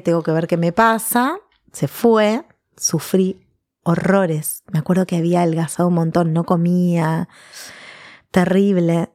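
A woman in her thirties with a Rioplatense Spanish accent, telling personal stories in a casual, animated way during an interview. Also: fairly low pitch, dry recording, studio quality. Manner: chatty, animated storytelling with laughs.

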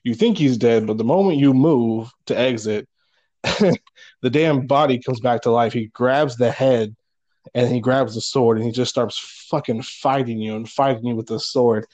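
A man chats about games in a loose, rambling way, swearing freely and breaking into laughs. His voice sits at an ordinary middle pitch. He comes through a remote call. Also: moderate pace, darkish tone, lo-fi sound. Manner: rambling, profane, laughs often. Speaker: podcast co-host. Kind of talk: casual gaming chat. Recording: call audio, at times garbled.

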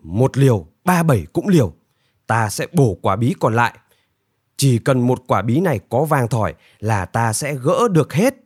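A man voicing a greedy, boastful, cowardly middle-aged man in a storybook tale, in a high, shrill, wheedling sing-song. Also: sing-song, moderate pace, breathy edge, no room sound, studio quality. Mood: scheming. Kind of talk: storybook character voice.

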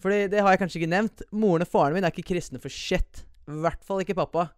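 A young man with a slightly high, smooth and clear voice tells a story from his own life. He talks loosely and swears a lot, dropping English slang in as he goes, and the recording is close and dry with no room sound. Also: no room sound. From USA and Norway. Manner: profane, slangy, mixes English words into Norwegian. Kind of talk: casual personal storytelling.

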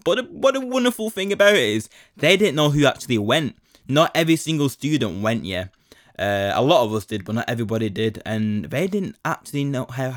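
A young podcast host with a medium-pitched, slightly bright voice rambles through a casual solo story, packed with slang, fillers, and "do you know what I mean." The studio sound is clean with no room sound.

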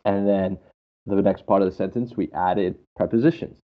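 A man with a low-pitched, fairly even voice speaks at a normal speed, casually and enthusiastically teaching English. He explains through anecdotes and repeats phrases for emphasis, and the recording sounds dull, muffled and lo-fi.

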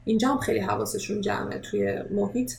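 A woman hosting a casual interview, talking in a lively way and dropping English words into her speech. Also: mid-range voice, gravelly. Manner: animated, mixes English words into Persian. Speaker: podcast host. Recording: roomy echo, faint noise.

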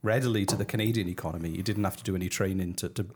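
A man's voice: low-pitched, steady tone, rapid-fire, background noise. A British man hosting a casual podcast, joking and laughing often, with frequent restarts. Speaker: podcast host.

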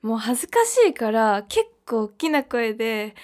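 A woman co-hosting a casual podcast chat, shy and soft-spoken, with many short agreeing replies. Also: fairly high pitch, big pitch swings, moderate pace. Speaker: podcast co-host.

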